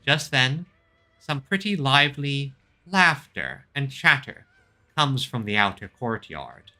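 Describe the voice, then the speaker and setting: A man's voice: medium pitch, animated, takes it slowly, bright, forceful tone. A man giving casual commentary as he plays a game and reads its text aloud, sometimes stumbling over names. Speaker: game player and streamer.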